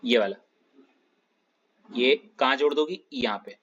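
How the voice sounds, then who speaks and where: एक आदमी, जो रसायन विज्ञान का शिक्षक है, ऑनलाइन क्लास में कदम दर कदम समझाता है और बार-बार छात्रों से पूछता है कि समझ आया या नहीं।. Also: male voice, mid-range voice, unhurried, a bit bright, husky, muffled recording. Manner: explains step by step, checks students often. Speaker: chemistry teacher. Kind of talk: online class lecture.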